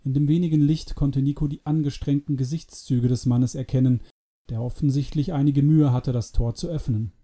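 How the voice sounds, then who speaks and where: A man narrating an adventure story in a calm, measured audiobook reading. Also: medium pitch.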